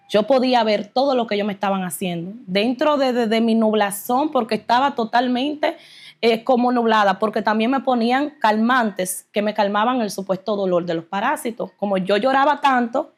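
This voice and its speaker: A woman giving an earnest, fervent religious testimony as an interview guest, retelling her story with emotion. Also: fairly high pitch.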